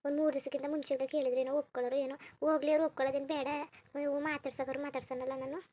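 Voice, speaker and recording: Woman doing a shy village teen girl for a cartoon, high voice, quick soft talk, not much up and down. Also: level tone, a little hiss or hum, close to an everyday voice. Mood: dejected. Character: gentle teenage village girl, lonely and worried. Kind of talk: cartoon voice acting.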